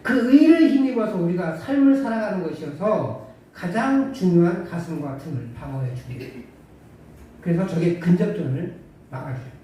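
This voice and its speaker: Heard from a distance in an echoey church hall, a pastor gives a chatty sermon laced with rhetorical questions and dry humor. His voice sits high and mellow, moving at a moderate pace with lively intonation. Faint hiss runs under the recording, made in the sanctuary.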